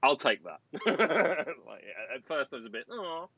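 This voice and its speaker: A man's voice: medium pitch, sing-song, a little slow, sharp tone, husky, no room sound, muffled recording. A man hosting a casual podcast, joking and laughing with his guests. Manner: jokey, laughs often, hesitant restarts. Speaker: podcast host.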